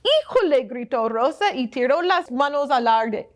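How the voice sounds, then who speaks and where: A woman librarian reading a picture book aloud at a children's storytime. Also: high-pitched. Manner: slow, clear read-aloud for children.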